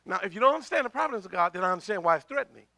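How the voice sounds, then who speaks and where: A man's voice: sits high, expressive, very fast, creaky, pushed and bright, no room sound. A middle-aged man preaching a sermon as pastor, talking in a conversational way, repeating words and swelling in volume, with a slight cough.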